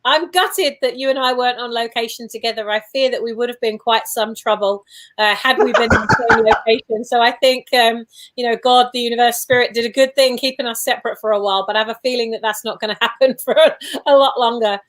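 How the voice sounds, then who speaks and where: A woman's voice: fairly high pitch, steady tone, fast, fairly bright tone. A woman hosting a conversational interview in a chatty, effusive manner. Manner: chatty, effusive, chuckles while talking. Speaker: interviewer, host.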